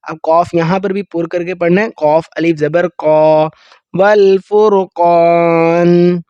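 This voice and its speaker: High-voiced man teaching Quran recitation. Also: flat delivery, dark tone, no echo, lo-fi sound. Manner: explains rules quickly, then recites verses slowly in a drawn-out melodic chant. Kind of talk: tajweed lesson.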